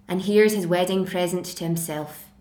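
Brief: a 21-year-old Glaswegian woman doing a raging, scornful queen, low-pitched, sarcastic monologue delivery. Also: fairly even intonation, moderate pace, warm tone, reverberant, lightly acted. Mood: bitter, scornful. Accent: Glasgow Scottish. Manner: sarcastic, raised and accusing. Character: bitter betrayed sorceress queen, scornful and raging. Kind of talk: dramatic monologue reading.

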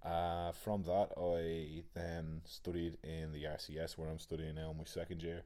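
A man's voice: rumbling low, little pitch movement, moderate pace, warm tone. A young man with a Dublin Irish accent, casually introducing himself in a hesitant, rambling way. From Dublin, Ireland. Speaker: actor and drama student. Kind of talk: casual conversational self-introduction.

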